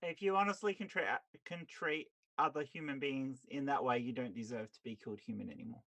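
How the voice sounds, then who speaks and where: A woman's voice: very deep voice, fairly quick, a bit bright, no echo. A woman with an Australian accent, chatting casually on a livestream, blunt and laughing often. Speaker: stream co-host.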